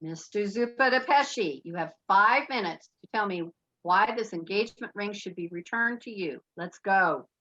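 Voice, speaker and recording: A stern, impatient judge, played by a woman who cuts people off curtly. Her tone is bright and sharp. The recording sounds dull and lo-fi. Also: medium pitch, normal speed. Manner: curt, no-nonsense.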